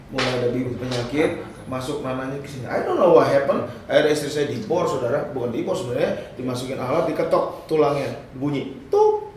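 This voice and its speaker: A man preaching a lively, humorous sermon and drawing responses from his congregation. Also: medium pitch, a little hiss or hum. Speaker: pastor. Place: church hall. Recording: echoey hall, mic at a distance.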